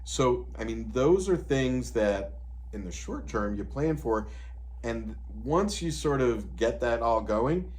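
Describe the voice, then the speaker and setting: A middle-pitched man in his fifties talks through practical advice as an advocate. His explanations are steady and conversational, dotted with "you know" and "right?". He sounds like a guest patiently walking someone through the options. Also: slow. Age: 50s.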